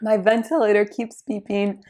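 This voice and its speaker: A woman vlogger who is losing her voice, speaking in a strained, raspy whisper. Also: medium pitch, little pitch movement, moderate pace, a little mellow, slight background noise. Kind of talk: apologetic vlog outtake.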